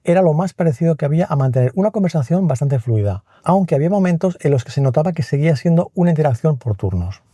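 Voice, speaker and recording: A man's voice: on the high side, expressive, mellow, no echo, studio quality. A man with a Spain Spanish accent presenting a tech review and explaining things plainly. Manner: explains quickly and plainly, chats with the assistant. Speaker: tech video host.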